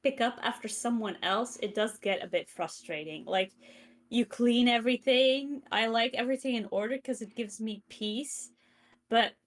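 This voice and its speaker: A woman co-hosting a casual live stream chat, speaking at an easy pace and sometimes searching for words. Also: on the high side. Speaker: stream co-host.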